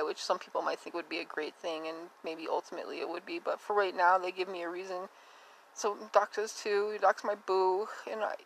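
A woman's voice: medium pitch, poor audio. A woman hosting a podcast, talking in a candid, rambling personal monologue with many fillers and a subdued, unsteady delivery. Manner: rambling and confessional, with frequent fillers. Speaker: podcast host.

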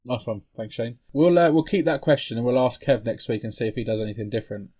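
A man's voice: medium pitch, quick pace, dark tone, slightly rough. A British man hosting a sports podcast in a chatty, informal way. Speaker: main podcast host. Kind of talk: casual sports podcast chat.

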